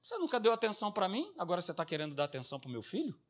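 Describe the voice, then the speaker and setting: A man voicing a bitter adult daughter, reproaching her father rapidly. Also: sits high, wildly swooping pitch, full character voice. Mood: resentful. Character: resentful adult daughter, fed-up mother.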